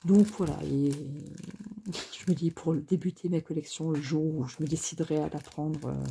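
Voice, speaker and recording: A woman's voice: sits low, steady tone, normal speed, vocal fry, warm tone, slight background noise. A woman chatting casually and rambling through a crafting haul, with many fillers and self-mocking asides. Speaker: crafting vlogger.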